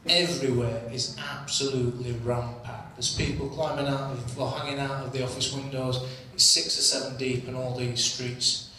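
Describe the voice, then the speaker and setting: Male after-dinner raconteur, bright edge, recorded far off in a very echoey function room with faint ambience. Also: mid-range voice, level tone, normal speed, hardly any pauses, slight background noise. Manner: cheeky, comic storytelling with punchlines. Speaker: after-dinner speaker, former cricketer. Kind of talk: anecdotal after-dinner storytelling.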